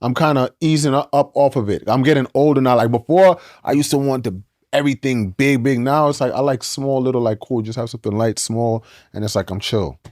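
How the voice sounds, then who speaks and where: A man's voice: medium pitch, brisk, few pauses, darkish tone, no room sound, studio quality. Laid-back man in his forties. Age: 40s. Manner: laid-back, storytelling with slang. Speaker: guest. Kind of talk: casual chat.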